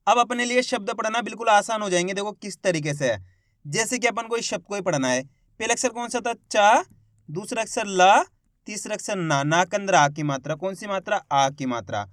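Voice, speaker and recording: Man, reading lesson, high voice, drawn-out syllables, dry close sound. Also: a bit bright, no echo. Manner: drawn-out syllables, asks and answers himself. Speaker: Hindi reading teacher.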